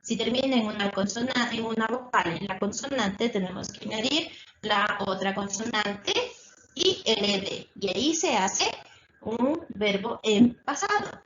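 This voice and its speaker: Slow-explaining woman teacher, echoey lo-fi. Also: medium pitch, expressive, background noise. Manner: slow, repetitive explaining with check-in questions. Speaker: English teacher. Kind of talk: recorded distance-school lesson. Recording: echoey, dull lo-fi room recording.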